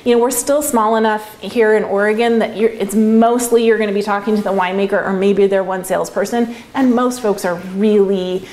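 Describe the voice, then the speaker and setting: A woman's voice: mid-range voice, fairly even intonation, brisk, hardly any pauses, a little mellow. A woman giving casual, reflective answers in an interview, talking in a conversational way. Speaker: interviewee, winemaker.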